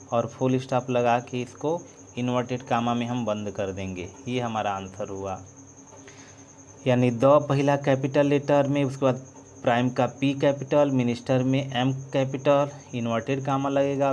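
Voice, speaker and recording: Slow-spoken male teacher. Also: medium pitch, muffled recording, slight background noise. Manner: dictates letter by letter, trails off softly while writing. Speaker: English teacher. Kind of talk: slow board-writing lesson, spelling out words.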